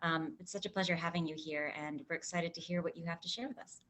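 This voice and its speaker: A woman's voice: lowish voice, fairly even intonation, quick pace, a bit bright. A woman hosting a webinar interview who speaks hesitantly, with frequent "um"s, as she introduces and questions her guest. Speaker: interview host.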